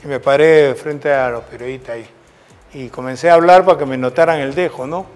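Soft music plays behind an older Peruvian man with a medium-pitched voice, fairly even intonation, and a slightly fast delivery. Formerly a football coach, he recounts rambling anecdotes in an interview, in a Peruvian Spanish accent, often tacking on a questioning "right?".

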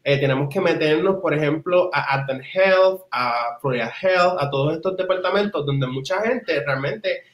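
This interviewee, a Puerto Rican man in his thirties who works as a community advocate, talks at a moderate pace with few pauses in a higher-pitched voice. Passionate and emphatic, he repeats words for stress while answering in Spanish with some English. The lo-fi, roomy, echoey sound comes from a computer mic on a video call in a small wood-walled room at home.

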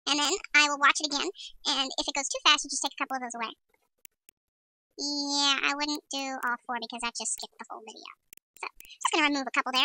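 Through a rough recording, a high-pitched, bright, forceful woman's voice, sped up to chipmunk effect, rambles casually. It's a screen-recording tutorial where she walks through the steps and mutters to herself while editing.

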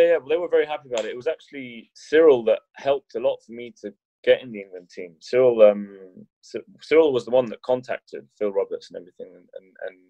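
A man with a low voice tells stories in a loose, joking way, often restarting his sentences. The recording sounds muffled and dull, and it is very dry. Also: warm tone, no echo. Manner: rambling, many restarts, jokey. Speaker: wheelchair rugby league player, podcast guest. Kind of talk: casual chat.

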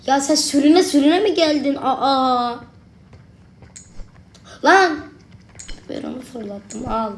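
A woman's voice: high voice, a little slow, hardly any pauses, darkish tone, a little hiss or hum. A young woman commenting casually while playing a babysitting horror game, chatting to her viewers and talking back to the on-screen baby. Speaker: gaming video creator. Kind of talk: let's play commentary.

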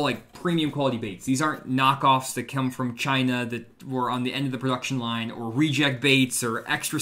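A young male host chats over a video call from his room at home, eagerly pitching and recommending with plenty of ums and likes. His voice sits at an everyday middle pitch, relaxed and conversational. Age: young adult. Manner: enthusiastic promotional pitch with fillers. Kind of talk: casual live-stream chat.

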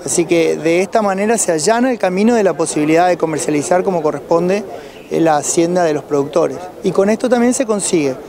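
A man's voice: high-pitched, quick pace, crowd noise. A middle-aged man with an Argentine accent, answering as an official in an outdoor news interview. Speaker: president of a rural producers' federation, interviewee. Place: outdoors at cattle auction pens. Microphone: handheld reporter's microphone.

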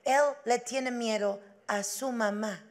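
A woman voicing a female school psychologist who lectures slowly and softly. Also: fairly high pitch, steady tone, a little hiss or hum, pitched below the performer's own voice. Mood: lecturing. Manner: slow, measured, soft-spoken, preachy.

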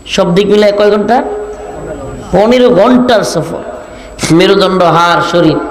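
A man from Bangladesh preaching a sermon, rhetorical and building to shouted emphasis. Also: high voice. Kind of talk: Bengali waz sermon. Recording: echoey hall with faint noise.

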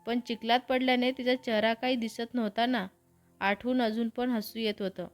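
A woman's voice: on the high side, steady tone, normal speed, soft background music, close to an everyday voice. A woman voicing a cocky, teasing young man in a storybook reading. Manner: teasing, boastful.

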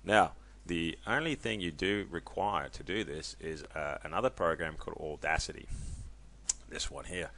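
A man casually walking viewers through a software tutorial, chatty and loose, with many ums and self-corrections. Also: sits low, normal speed. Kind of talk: casual screen-recorded tutorial.

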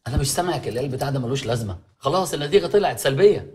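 An actor in an Egyptian sitcom with an Egyptian Arabic accent, joking and making rambling excuses. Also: male voice, medium pitch, animated, rapid-fire, a little mellow, close to an everyday voice. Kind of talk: TV sitcom acting.

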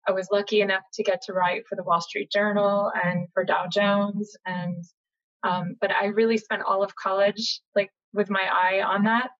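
A middle-aged American woman, a journalist guest, telling her story in a chatty, animated way over a video call from home. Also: mid-range voice, moderate pace. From United States, Boston area. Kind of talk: casual interview conversation. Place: home room, indoors. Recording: slightly dull lo-fi video call audio.

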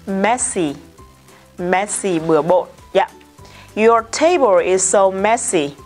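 Vietnamese-accented female English teacher, careful slow drills, brisk asides, faint music bed. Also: medium pitch, animated. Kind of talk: vocabulary pronunciation lesson.

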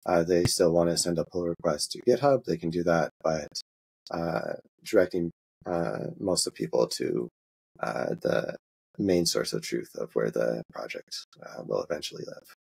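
A man, an open source maintainer, walking through a software demo in an interview, halting and easygoing, with many filler sounds. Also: low voice, lively intonation, vocal fry, husky.

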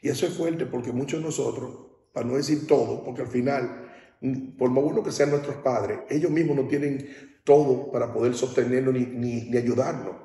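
A man's voice: mid-range voice, steady tone, moderate pace, warm tone, recorded from a distance, a little hiss or hum. A male pastor from the Dominican Republic preaching at a baptism, in a conversational style that keeps asking listeners whether they understand. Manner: conversational preaching, often asks "¿entiendes?". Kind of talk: sermon. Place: large hall at a baptism service. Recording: echoey hall, speaker off-mic.

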